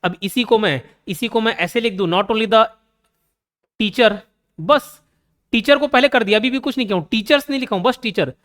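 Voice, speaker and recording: A man's voice: high-pitched, moderate pace, fairly bright tone, long reverb tail. A man with a Chhattisgarh Hindi accent teaching a grammar class, explaining step by step and asking and answering his own questions. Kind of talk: grammar lesson.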